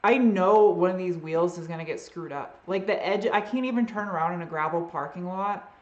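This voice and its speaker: A woman's voice: on the low side, fairly quick, reverberant, muffled recording. A woman with a trace of a Boston accent hosting a live Q&A, chatting casually and trailing off often as she answers viewer questions. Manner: rambling and unsure, often trailing off.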